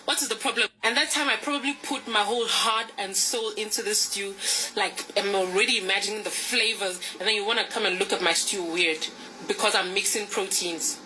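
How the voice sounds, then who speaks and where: A woman's voice: mid-range voice, fairly even intonation, a little fast, background noise. A woman from Nigeria, ranting in a casual vlog with exasperated rhetorical questions.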